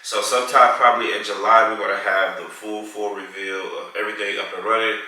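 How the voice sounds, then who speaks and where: This vlog co-host talks fast in a lowish voice, level in tone, pushed and bright. He's a man stuffed up and nasal from a head cold, chatting casually and rambling, with self-corrections, while touring his large home theater room indoors. The echoey room is audible in the recording.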